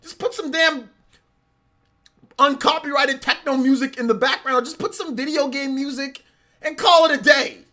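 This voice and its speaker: Streamer, male, forties: bright, sharp-edged voice, ranting and repetitive, exasperated live reaction. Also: very high voice, normal speed. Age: 40s. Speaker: livestreamer.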